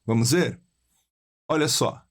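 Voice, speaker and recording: A man's voice: medium pitch, takes it slowly. A male music teacher explains a guitar and singing lesson step by step, counting beats aloud.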